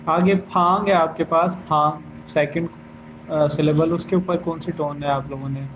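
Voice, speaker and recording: A man's voice: a little high, fairly even intonation, normal speed, highs cut off, a little hiss or hum. Patient man teaching an online class. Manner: patient, checks students' answers one by one. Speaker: Chinese language teacher.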